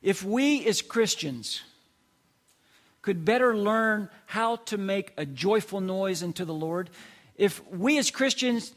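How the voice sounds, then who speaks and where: A man's voice: high-pitched, expressive, slow pace. A middle-aged man preaching a sermon in a conversational, playful way, full of questions put to the congregation. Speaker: pastor.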